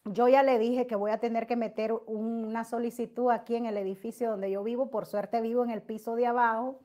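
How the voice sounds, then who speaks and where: A middle-aged woman hosting a live stream, reading out viewer messages and answering them in a loud, emotive, long-winded way. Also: a little high, level tone, brisk. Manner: loud, emotive, talks at length. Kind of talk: casual live chat.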